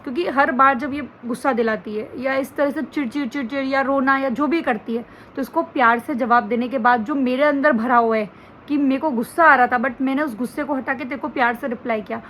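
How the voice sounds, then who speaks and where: A woman's voice: high-pitched, fairly quick, fairly bright tone, slight background noise, rough recording. A young woman vlogging at home, venting frankly and rambling about motherhood in casual confessional chat, often keeping her voice down beside a sleeping child. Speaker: mom vlogger.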